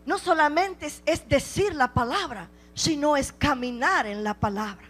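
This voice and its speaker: A woman's voice: high-pitched, unhurried, fairly bright tone. A woman preaching a sermon with passion, driving her points home with repeated rhetorical questions.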